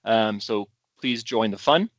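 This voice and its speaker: A man's voice: fairly low pitch, unhurried, no echo. A man hosting a community video call, upbeat and chatty with fillers as he wraps up. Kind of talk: wrapping up a live community call. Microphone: video call mic. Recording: dull, dry video-call audio.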